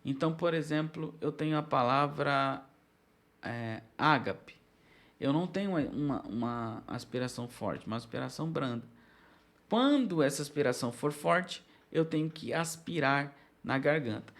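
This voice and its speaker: A man's voice: fairly high pitch, lively intonation, normal speed, a bit bright. A man with a Brazilian Portuguese accent, teaching a recorded lecture and often checking in with his students. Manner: explanatory, with frequent check-ins and restarts. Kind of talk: recorded lecture on biblical Greek.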